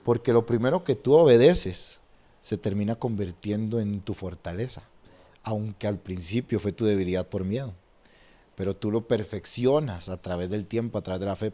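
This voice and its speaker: A man who is a pastor, telling stories and preaching in a lively way and often restarting his sentences. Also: on the low side. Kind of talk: animated storytelling and preaching in a podcast conversation.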